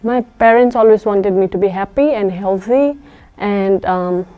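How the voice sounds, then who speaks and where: A woman in her twenties from Nepal, a school teacher, giving measured, sincere interview answers. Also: mid-range voice, clear, resonant tone, narrow, tinny audio. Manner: measured, sincere, with filler pauses.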